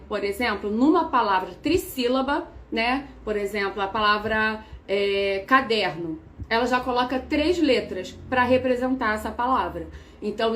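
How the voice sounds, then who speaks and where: Brazilian woman teacher, young adult, slightly high pitch, methodical and repetitive in her explanations. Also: fairly bright tone. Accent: Brazilian Portuguese. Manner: patient, methodical, repeats key terms.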